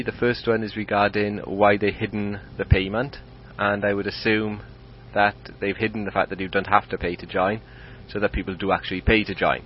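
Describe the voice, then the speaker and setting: A man from Swansea with a Welsh accent, speaking an informal recorded message as a listener. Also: fairly low pitch. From Swansea, Wales. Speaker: listener leaving a recorded comment. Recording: muffled lo-fi audio with faint noise.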